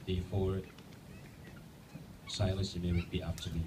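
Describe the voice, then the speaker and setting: A man's voice: low voice, monotone, normal speed, very noisy. A man officiating a wedding ceremony, recorded outdoors from a distance. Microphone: handheld mic, picked up from afar by a guest's phone.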